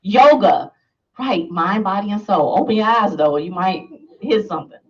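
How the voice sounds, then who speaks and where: A woman's voice: mid-range voice, lively intonation, moderate pace, far from the mic, dull audio. A woman giving an emphatic motivational talk to a live audience, laughing and asking the listeners questions. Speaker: motivational speaker.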